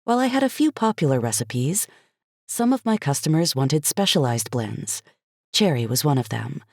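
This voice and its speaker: A woman reading a first-person cozy mystery audiobook as an expressive, light storytelling narrator. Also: a bass voice, normal speed, no room sound, studio quality.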